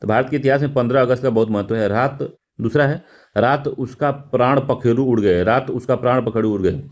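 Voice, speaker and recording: A man's voice: mid-range voice, brisk. Man explaining test answers, muffled audio. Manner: repeats words, self-corrects, frequent "theek hai" fillers. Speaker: exam prep teacher.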